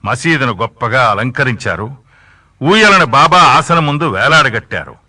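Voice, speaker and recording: A man narrating a devotional story in a steady storytelling voice. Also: mid-range voice, normal speed, no echo, studio quality. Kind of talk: scripted narration.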